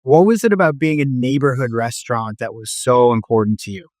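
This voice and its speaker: A man's voice: medium pitch, brisk, a little mellow, no echo. Conversational male podcast host, dry sound. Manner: conversational, many "like" and "um" fillers. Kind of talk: casual interview talk.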